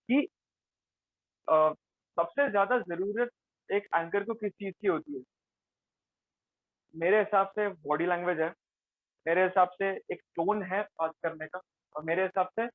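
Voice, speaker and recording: Man, workshop facilitator, fairly high voice, dry phone-like sound. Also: no echo. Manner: mixes Hindi and English, explains with rhetorical questions. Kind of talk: conversational workshop talk.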